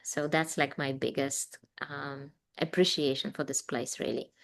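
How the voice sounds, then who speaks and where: A Polish woman in her forties speaks with a Polish accent in a low, gravelly voice, her delivery flat and a little slow. She's a guest artist in a casual interview, rambling warmly with lots of fillers and laughter.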